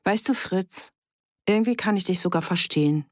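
A woman's voice: medium pitch, normal speed, no room sound, clean studio sound, pitched above the performer's own voice, natural voice. Woman reading as defiant young woman scorned as a witch. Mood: mocking. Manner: defiant, cutting. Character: sharp-tongued young woman accused as a witch.

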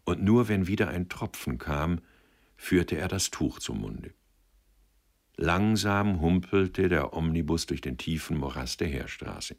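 A male audiobook narrator reads a literary novel in a measured, expressive way. His voice is very deep with a gravelly fry and a husky edge, and the pitch moves widely as he tells the story.

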